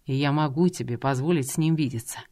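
A woman reading an audiobook voices a calm, steady nobleman who speaks in a soothing, measured way. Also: extremely low pitch, pitched below the performer's own voice. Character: calm, steady grown man, a count.

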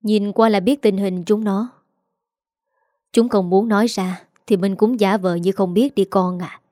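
Woman voicing a stubborn old mother, curt, icy, mellow tone, dry sound. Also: mid-range voice, steady tone, measured pace, no room sound, natural voice. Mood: sorrowful. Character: cold, stubborn elderly mother who lost her savings.

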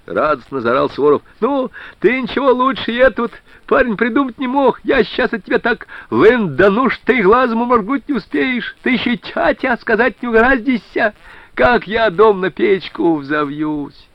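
An excitable old village peasant from a Siberian storybook, as a male narrator puts him on, pitched well above the reader's own voice and bouncing all over. He talks in rustic, folksy turns and shouts. The reading is dry and a little dull in tone. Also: a little fast, no echo. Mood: overjoyed.

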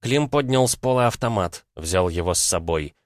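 A man narrating an audiobook in a steady, expressive storytelling manner. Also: lowish voice, moderate pace, dry recording, clean studio sound. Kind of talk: scripted narration.

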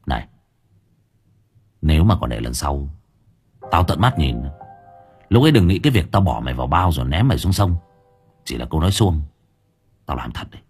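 A sly, domineering young exorcist, as a male narrator puts him on, sweet-talking one moment and threatening the next. His voice is very low and husky, with a lively, swinging pitch. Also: moderate pace, pauses often, soft background music, exaggerated voice. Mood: menacing.

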